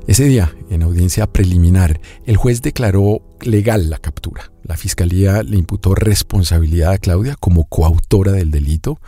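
A man narrating a documentary in a measured, grave way and also putting questions to the interviewee. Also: low-pitched, dark tone, faint music behind.

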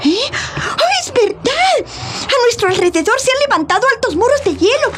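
A woman playing a small, anxious boy sidekick in an old radio serial, excitable and full of exclamations. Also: extremely high pitch, moderate pace. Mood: startled. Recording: very noisy old radio recording.

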